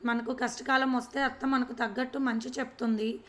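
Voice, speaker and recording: A woman voicing a younger sister defending a relative, in a flat, fairly high voice. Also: a little fast, lightly acted. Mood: defensive.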